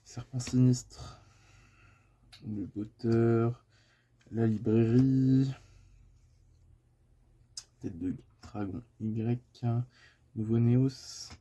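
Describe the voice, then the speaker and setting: A man's voice: medium pitch, steady tone, extremely slow, pauses often, warm tone, husky. A man with a French accent sorting through his collection of trading cards, reading off card names one by one in a casual vlog. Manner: reels off card names one after another.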